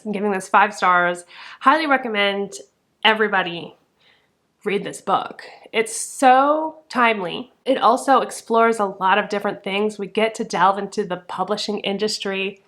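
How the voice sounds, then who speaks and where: A woman's voice: medium pitch, fairly bright tone, no echo. A woman talking frankly about books in a casual vlog, often exasperated and swearing freely. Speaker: book vlogger. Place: in a truck on a hot day.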